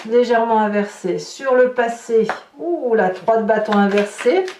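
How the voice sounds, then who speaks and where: A tarot reader who hosts horoscope guidance videos gives an unscripted reading to viewers, repeating words for emphasis while searching for the next one. Her voice is on the high side with a darkish tone, recorded with a distant mic, roomy echo, and a little hiss or hum.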